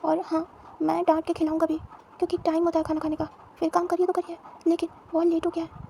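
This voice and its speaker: A woman's voice: very high voice, monotone, fast talker, gravelly, dark tone, a little hiss or hum. A woman voicing a shy, caring young man who talks earnestly and stammers when nervous.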